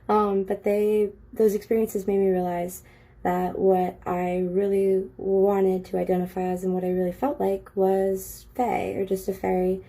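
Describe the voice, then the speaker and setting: A woman in a confessional video, speaking earnestly and hesitantly with many pauses. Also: mid-range voice, warm tone.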